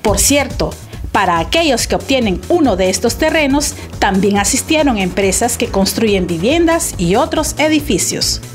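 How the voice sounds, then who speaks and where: A woman's voice: on the high side, normal speed, soft background music. Woman reading news narration. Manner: even reportorial delivery. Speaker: news reporter.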